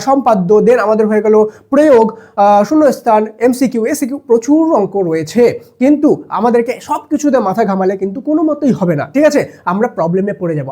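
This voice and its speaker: A young man teaching students quick exam tricks as a math tutor. He keeps checking in with "okay?" and answers questions he voices for the students himself. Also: extremely high pitch, warm tone. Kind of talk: fast exam-tips lesson to students.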